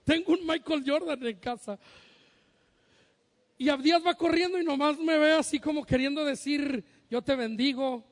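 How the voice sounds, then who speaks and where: A man's voice: very high-pitched, fairly even intonation, normal speed, pauses often, long reverb tail. A man preaching a sermon as pastor, humorous and acting out the voices of parents and sons.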